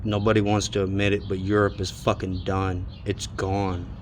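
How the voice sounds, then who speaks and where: A man in his thirties, voice set low, rants in a loose, heated way and swears often, leaving long pauses. Birds and a faint outdoor hum can be heard behind him. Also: completely flat delivery. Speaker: monologue speaker. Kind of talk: casual rant.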